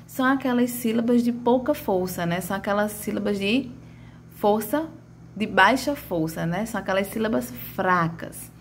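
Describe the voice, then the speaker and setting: A woman's voice: medium pitch, normal speed, a little hiss or hum. A woman teaching a grammar lesson, stretching out and calling out example words as she explains.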